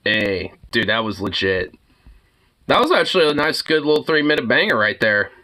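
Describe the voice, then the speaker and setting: Young dude on stream, total frat bro slang n swearing, pitch jumps around, bright voice. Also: male voice, sing-song, moderate pace. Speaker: streamer reacting to music and chatting. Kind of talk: casual livestream chat.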